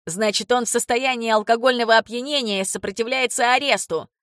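A woman's voice: on the high side, fairly even intonation, brisk, fairly bright tone, dry recording, studio quality, pitched above the performer's own voice, natural voice. A woman voicing a stern male police officer, barking commands in an audiobook. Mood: commanding. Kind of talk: audiobook character voice.

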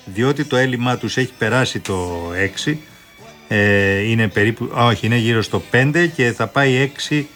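A man's voice: mid-range voice, fairly bright tone, soft background music. A man co-hosting a morning radio show, explaining economic news in a casual, insistent way. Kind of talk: casual radio talk on current affairs.

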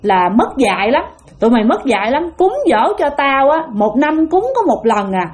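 A woman's voice: fairly high pitch, big pitch swings, normal speed. A woman voicing the angry ghost of an old father, scolding in a Southern Vietnamese accent. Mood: furious scolding. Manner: scolding, shouting insults.

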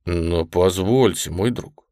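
A man voicing a wise, gently mocking straw scarecrow in an audiobook, speaking weightily. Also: fairly low pitch, expressive, a little slow, no echo, studio quality. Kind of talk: audiobook character reading.

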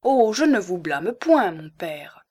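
A woman reading aloud, voicing an earnest young man who speaks clearly and firmly, in a formal, speechlike way. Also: on the low side, big pitch swings, slow pace, darkish tone, exaggerated voice.

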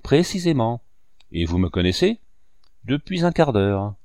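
A man's voice: mid-range voice, sing-song, measured pace, a little mellow, dry recording, clean studio sound, pitched above the performer's own voice. Man voicing Lucien, a blunt young sculptor.

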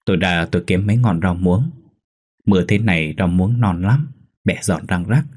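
Một người đàn ông lồng tiếng ông chồng quê lớn tuổi cứng đầu, nói ngắt quãng lắp bắp khi hoảng sợ. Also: male voice, deep voice, a little mellow, husky. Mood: joking, stubborn. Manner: halting, stammering whispers when terrified. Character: elderly village husband, stubborn, easily frightened.

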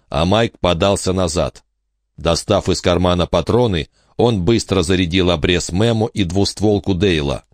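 A man narrating a horror audiobook in a measured, steady storytelling manner. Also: low-pitched, dry recording, clean studio sound.

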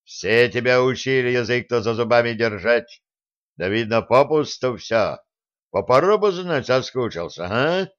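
A man voicing a hot-tempered medieval prince who mocks and commands loudly. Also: medium pitch, animated, measured pace, lightly acted. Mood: mocking. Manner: loud, mocking, domineering. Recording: dull lo-fi sound.

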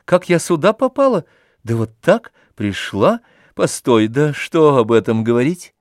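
A man's voice: mid-range voice, sing-song, no room sound, studio quality, voice pushed up. A man reading aloud and voicing a playful, mischievous young woman who teases and shifts topics carelessly, in an audiobook. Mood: teasing. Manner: teasing, carefree, quick changes of subject.

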